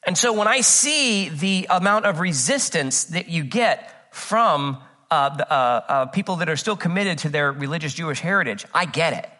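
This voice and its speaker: A man delivers an earnest, conversational sermon, moving between scripture reading and humorous personal stories. His voice sits a little high for a man and has a bright, forward ring. He often stalls on repeated "uh" fillers as he gathers his thoughts. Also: expressive, moderate pace, few pauses. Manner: earnest and chatty, with frequent "uh, uh" fillers; tells personal anecdotes with humor. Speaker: pastor.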